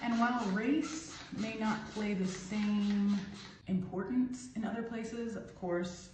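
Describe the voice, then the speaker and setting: A woman's voice: mid-range voice, steady tone, slow pace, darkish tone, a little hiss or hum. Candid American woman vlogging in a roomy space. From United States. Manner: candid and opinionated, frequent "like". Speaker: vlogger living abroad. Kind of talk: casual talking-head commentary. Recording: roomy echo, distant mic, faint ambience.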